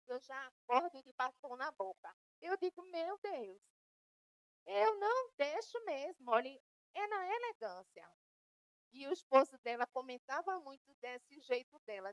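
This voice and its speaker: High-voiced woman giving a spiritual talk. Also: no room sound, low-quality recording. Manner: conversational, asks the audience frequent "né?" tag questions; addresses listeners directly. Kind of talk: spiritual lecture to a live audience.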